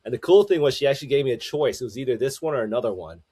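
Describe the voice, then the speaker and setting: A man's voice: mid-range voice, expressive, dark tone, breathy edge. A man co-hosts a loose podcast conversation. He stammers through his thoughts and restarts often, rambling his way to the point. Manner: rambling, halting, many restarts. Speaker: podcast co-host. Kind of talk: casual chat.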